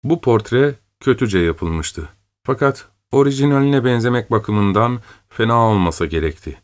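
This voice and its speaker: A man narrating an audiobook in a measured, deliberate way. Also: lowish voice. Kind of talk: scripted narration.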